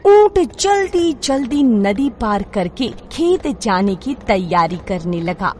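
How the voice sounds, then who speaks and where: A woman narrating a children's moral story in a scripted, expressive way. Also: medium pitch, slow pace, a little hiss or hum.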